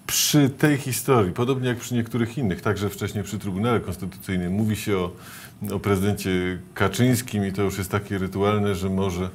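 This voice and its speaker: A middle-aged man hosting a political TV interview in a studio, asking measured, probing questions. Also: fairly low pitch, fairly even intonation, slight background noise. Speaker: TV interview host.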